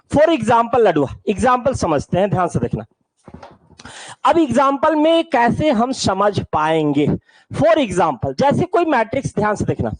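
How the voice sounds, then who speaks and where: A man's voice: high voice, no room sound, rough recording. A man teaching an online maths class in a playful way. He keeps telling students to look carefully and asks the class questions.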